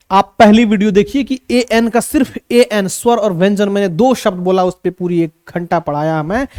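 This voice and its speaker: Animated high-voiced male teacher. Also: no room sound, clean studio sound. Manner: animated, repeats points and asks rhetorical questions. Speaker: English teacher. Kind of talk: classroom-style video lesson.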